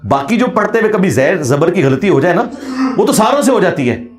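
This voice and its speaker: A man giving an impassioned religious lecture, forceful and challenging, reciting Arabic phrases slowly. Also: high-pitched, very animated, reverberant, soft background music. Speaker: religious speaker.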